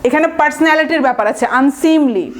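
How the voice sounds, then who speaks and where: Female vocabulary tutor, high voice, patient step-by-step explanations, spells words out. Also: slight background noise. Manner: explains slowly, spells words letter by letter, mixes English examples. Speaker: vocabulary teacher. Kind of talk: recorded vocabulary lesson.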